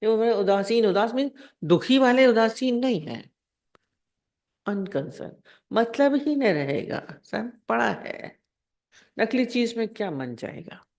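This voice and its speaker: A woman's voice: on the high side, expressive, unhurried, darkish tone. Woman giving a conversational spiritual talk. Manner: conversational, explaining with everyday examples and rhetorical questions. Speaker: spiritual teacher. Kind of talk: spiritual discourse.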